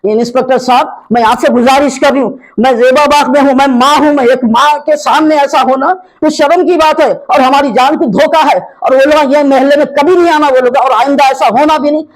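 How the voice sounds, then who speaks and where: A woman's voice: high-pitched, fairly even intonation, a little fast, few pauses, rough recording. An older woman with a Hyderabadi Urdu accent, tearfully making an impassioned, repetitive plea to a news reporter. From Hyderabad, India. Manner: emotional, repetitive and pleading. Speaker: complainant speaking to a news reporter. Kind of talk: impassioned pleading statement.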